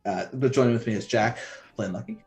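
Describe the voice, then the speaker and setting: A man's voice: mid-range voice, brisk, loud music behind the voice. A man hosting and narrating a tabletop role-playing game as game master. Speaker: game master and podcast host.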